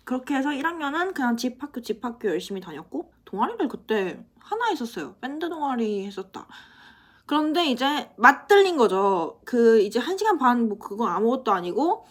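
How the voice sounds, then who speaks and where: A woman in her twenties, a university student, chatting casually to the camera in a vlog, self-teasing and quick to laugh. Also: on the high side, big pitch swings. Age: 20s.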